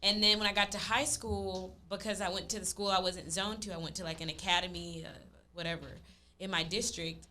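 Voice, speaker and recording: A woman's voice: on the low side, fairly even intonation, a little fast, bright, forceful tone. A woman from Texas, co-hosting a casual podcast chat and talking freely with laughing asides. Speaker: podcast co-host.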